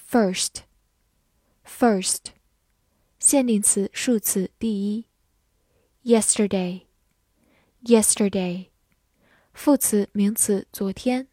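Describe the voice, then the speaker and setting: A woman reading vocabulary, saying each word twice, then its meanings in a measured drill. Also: mid-range voice, mellow, dry recording. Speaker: vocabulary reader. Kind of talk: slow dictionary-style word drill.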